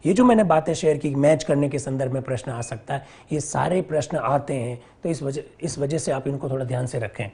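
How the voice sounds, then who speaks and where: A man teaching an exam-prep lecture, who repeats key terms slowly and asks and answers his own questions. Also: medium pitch, creaky, warm tone, breathy edge.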